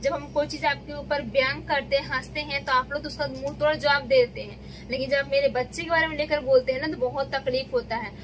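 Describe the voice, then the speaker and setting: A woman talks directly to her viewers in an earnest, pleading way. Her words come with a sense of hurt. The recording has clear background noise with vehicles passing. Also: sits high, fairly even intonation, a little fast. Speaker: vlogger, mother. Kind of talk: casual vlog talk to viewers.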